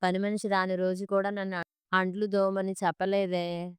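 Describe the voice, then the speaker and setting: A woman voicing a sharp-tongued middle-aged mother-in-law who complains and scolds in a storybook monologue. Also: mid-range voice, monotone, moderate pace, clean tone, no echo, studio quality, natural voice. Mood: regretful.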